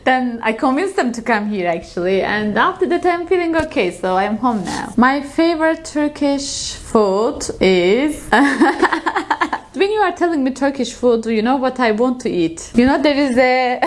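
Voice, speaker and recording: A woman's voice: high voice, animated, a little slow. A young woman from Azerbaijan with an Azerbaijani accent, telling stories in a casual interview and laughing often. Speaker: interview guest. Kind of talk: casual storytelling chat.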